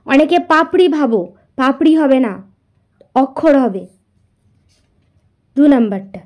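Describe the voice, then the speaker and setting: Slow, patient woman teaching grammar. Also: high-pitched, warm tone. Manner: slow, patient, asks and answers her own questions. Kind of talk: grammar lesson for school students.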